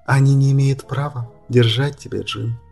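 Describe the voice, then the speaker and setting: A young woman calls softly and soothingly, as a male narrator puts her on. She is quiet and coaxing throughout, in a warm, mellow voice. The figure belongs to a storybook fantasy. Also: mid-range voice, fairly even intonation, normal speed, gravelly, faint music behind.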